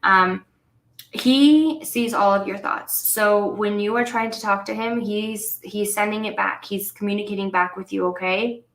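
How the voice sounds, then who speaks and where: A young woman giving a casual card reading as a medium, speaking gently and hesitantly, with many fillers and restarts. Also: medium pitch, unhurried. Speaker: psychic medium reading cards. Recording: roomy echo.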